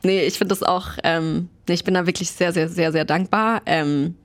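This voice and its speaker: A woman's voice: lowish voice, steady tone, moderate pace, faint music behind. A young woman, chatting as an interview guest and mixing in English phrases. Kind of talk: casual interview chat.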